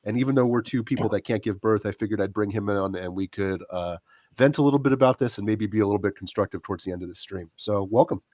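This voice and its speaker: Podcast host, male, hoarse and low, halting delivery full of fillers, dull dry lo-fi sound. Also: darkish tone, no room sound. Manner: halting, many filler words. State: hoarse from illness. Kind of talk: casual live-stream chat.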